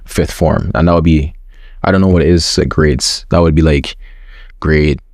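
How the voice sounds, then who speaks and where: Chatting openly as a guest in a casual interview, a young man from a school system with forms uses slangy talk full of repeated words. His voice rumbles low, a little mellow, with a steady tone at normal speed, in a dry, studio-quality recording.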